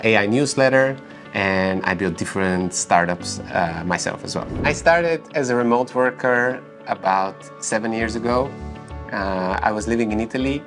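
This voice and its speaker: A man from Bulgaria, in his thirties, answering interview questions about his work in a measured way with frequent pauses. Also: deep voice. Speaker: company founder and YouTuber. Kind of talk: interview answers and direct-to-camera talk.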